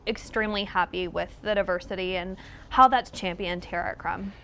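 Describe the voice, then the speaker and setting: A woman's voice: medium pitch, fairly even intonation, moderate pace, a bit bright, rough recording. Woman, interview, open, lightly amused, faint hiss. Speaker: TV station employee. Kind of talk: candid interview.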